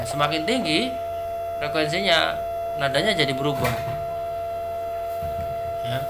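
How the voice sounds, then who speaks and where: A man teaching a casual physics lesson, explaining step by step and dropping in tag questions and fillers. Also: mid-range voice.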